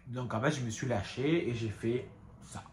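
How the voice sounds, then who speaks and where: A man's voice: medium pitch, moderate pace, slight background noise. Chatty man in an echoey room. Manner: chatty, rambling, many fillers and asides. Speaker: craft vlogger. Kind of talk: casual show-and-tell vlog.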